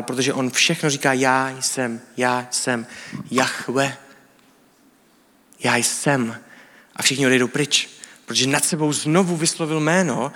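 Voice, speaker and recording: In a church hall full of long reverb, a preacher of medium pitch and somewhat bright tone works through a sermon. His explanations are casual and teacherly, full of everyday speech.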